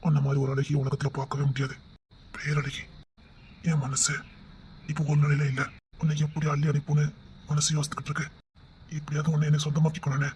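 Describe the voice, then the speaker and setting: A woman playing a low-voiced young man wooing his sweetheart. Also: darkish tone, a little hiss or hum, close to an everyday voice. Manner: coaxing, affectionate, sometimes dropping to a whisper. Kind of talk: amateur romantic audio drama.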